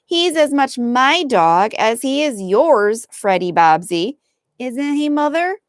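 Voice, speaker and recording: A woman's voice: sits high, sing-song, takes it slowly, no echo, clean studio sound, pitched above the performer's own voice, full character voice. A woman voicing an eager, whiny little girl twin in a storybook, with a raised, pleading tone.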